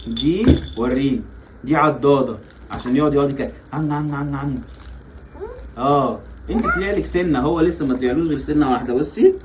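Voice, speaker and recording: Here the same Egyptian vlogging dad speaks in a mid-range voice at a fairly quick clip, with noise around him. He keeps laughing while he teases and coaxes his little ones, his Egyptian Arabic accent clear throughout.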